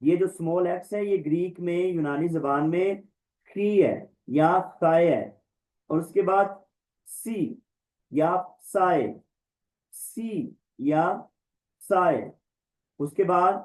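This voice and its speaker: A man teaching an online Greek class, slowly reciting and repeating letter names for students to follow. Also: a little high, a little mellow, rough recording. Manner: slow, repetitive recitation, drawing out letter names. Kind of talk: online class lesson, drilling the alphabet.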